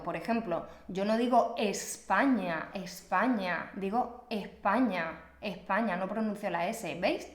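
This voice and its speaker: A young woman from Extremadura with an Extremaduran Spanish accent, teaching in a chatty, playful, self-mocking way. Her voice sits at an ordinary middle pitch. It rings in an echoey room. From Extremadura, Spain. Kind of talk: casual teaching video.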